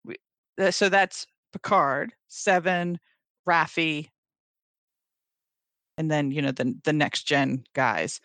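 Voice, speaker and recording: This is a podcast co-host in a casual, animated discussion who speaks quickly and acts out quotes along the way. The voice sits at a middling pitch, and the recording is dry and close. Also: no room sound.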